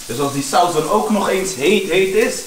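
A man chatting casually in street slang as he cooks, repeating words excitedly. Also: high voice, normal speed. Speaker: home cooking vlogger. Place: home kitchen with food sizzling. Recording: roomy kitchen, clear background noise.

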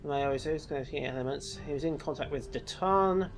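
A man's voice: fairly high pitch, fast, a little hiss or hum. A man casually commenting on his gameplay with dry, wry asides. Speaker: let's play host.

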